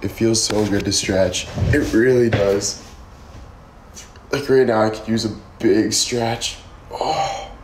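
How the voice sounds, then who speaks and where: Low-voiced young man chatting on a livestream. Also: slow, slight background noise, rough recording. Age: 20s. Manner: relaxed, rambling, answers chat questions aloud. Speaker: livestream host. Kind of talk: casual livestream chat reading comments. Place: small bedroom indoors. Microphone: phone held close, front camera.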